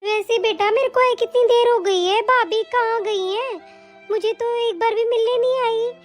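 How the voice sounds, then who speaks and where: A soft-spoken, modest old aunt in a cartoon story, as a woman puts her on. She talks affectionately and humbly, in a very high voice. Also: normal speed, over music. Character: elderly aunt, humble and gentle. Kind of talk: animated story voice acting.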